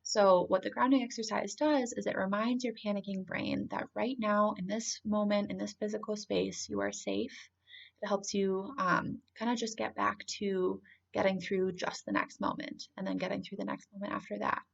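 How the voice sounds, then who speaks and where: A woman calmly explaining and guiding a grounding exercise in an informal, conversational way. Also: medium pitch, moderate pace, creaky, dull audio. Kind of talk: informal spoken lesson, calm grounding exercise.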